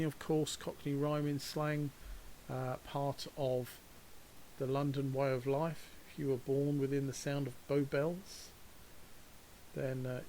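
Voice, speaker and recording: A man in the middle of his range talks his way through a virtual stroll, rambling from one aside to the next. He chuckles at his own trivia and keeps an easy, conversational flow. A soft hiss sits faintly behind the voice. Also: medium pitch, low-quality recording. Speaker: virtual world guide. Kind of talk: casual walkthrough narration. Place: home setup, voice over a VR headset session.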